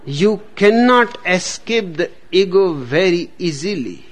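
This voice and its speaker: A man giving a spiritual discourse, speaking slowly with long pauses and telling jokes along the way. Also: high voice, animated. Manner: slow, deliberate, dramatic pauses, tells jokes. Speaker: spiritual teacher.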